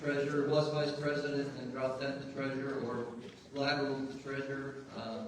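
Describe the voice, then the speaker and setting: A man's voice: mid-range voice, moderate pace. A man chairing a community meeting, speaking casually with many fillers and restarts. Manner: relaxed, rambling with fillers. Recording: echoey room, mic far off, background noise.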